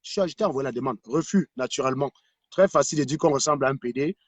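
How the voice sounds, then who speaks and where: A man's voice: medium pitch, fast talker, breathy edge, no echo. A man ranting to his viewers on a live stream, mocking and repeating his points for emphasis. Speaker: online commentator.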